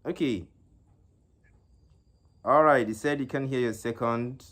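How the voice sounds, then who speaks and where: Male esports host for a live stream, mid-pitched, stop-start delivery full of fillers, on a phone mic. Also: a bit bright, slight background noise. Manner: halting, with many fillers and repeated words. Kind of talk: live stream game commentary.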